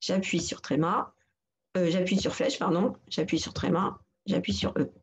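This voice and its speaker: A woman's voice: fairly low pitch, steady tone, moderate pace. A woman teaching a computer lesson for seniors, patiently walking through each step and repeating instructions. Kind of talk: screen-recorded tutorial narration.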